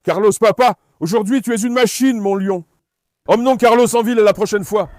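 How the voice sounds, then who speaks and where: Outdoors at an industrial site, a dog channel host coaxes his dogs and directs a helper, going over the same points casually again and again. He speaks fairly quickly in a high-pitched, darkish voice, and the sound is clean and studio-like with no echo.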